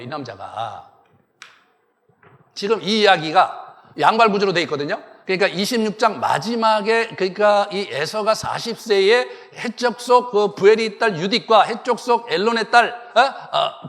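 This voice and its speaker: A male pastor giving a sermon and telling the story in a lively way, acting out the characters. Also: sits high. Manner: animated storytelling, acts out the characters. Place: church sanctuary. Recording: long church hall reverb.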